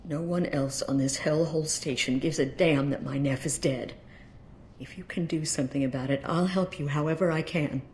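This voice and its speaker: A woman's voice: sits low, steady tone, normal speed, darkish tone, slight background noise, close to an everyday voice. A woman playing a despairing middle-aged mother grieving her murdered daughter in a game, speaking sadly with tearful sighs. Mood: bitter grief. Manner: sad, sighing, tearful. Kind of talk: game voice acting, dramatic dialogue.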